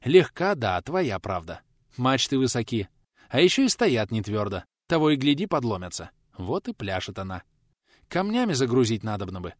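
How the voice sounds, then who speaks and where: A man voicing a brash, hearty boatman who shouts over the wind in old-fashioned folk speech. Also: medium pitch, big pitch swings, moderate pace, no echo, studio quality. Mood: enthusiastic. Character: brash bold middle-aged boatman, hearty and loud. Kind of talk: audiobook character voice.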